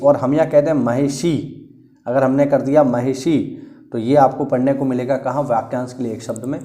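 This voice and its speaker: A man's voice: medium pitch, mellow. A man teaching an exam-prep lecture, explaining patiently and repeating key words for emphasis. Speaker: Hindi teacher.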